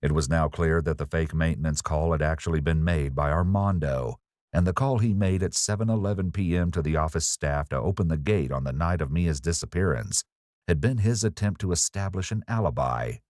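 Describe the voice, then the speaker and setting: A man narrates a true-crime story from a script, keeping a measured, ominous delivery. His voice sits very low, and the recording is dry with no room sound. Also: darkish tone, no room sound. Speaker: documentary narrator.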